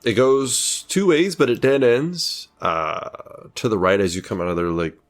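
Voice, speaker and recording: A man working as game master, improvising tabletop narration in a casual, halting way. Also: mid-range voice.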